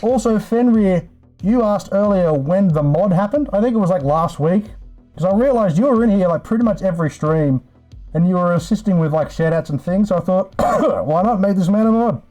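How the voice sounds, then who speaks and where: A man with a high, dark-toned voice and lively intonation hosts a casual livestream at normal speed, laid-back and sweary, calling his viewers mates. The recording is rough, with music playing in the background.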